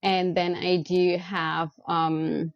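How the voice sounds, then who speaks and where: A woman in her thirties from Germany with a German accent, answering interview questions in a hesitant way with many pauses. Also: on the low side, level tone, no echo, highs cut off. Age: 30s. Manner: hesitant, many ums and uhs. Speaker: photographer guest.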